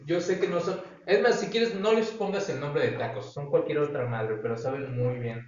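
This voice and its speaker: A Mexican man telling a story in casual podcast chat, animated and repeating himself for emphasis. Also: a little high, normal speed, highs cut off. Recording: distant echoey mic with crowd noise.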